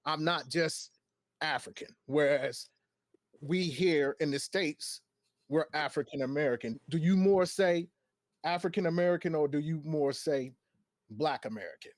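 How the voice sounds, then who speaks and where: A man's voice: a little high, unhurried, dry recording. A man hosting a casual podcast chat, thinking aloud and putting questions to his co-hosts. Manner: conversational, thinks aloud with restarts. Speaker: podcast host.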